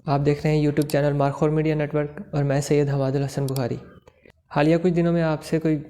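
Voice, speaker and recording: Steady-voiced man with a dark tone. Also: on the high side, slight background noise. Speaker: YouTube channel host. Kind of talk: political commentary vlog.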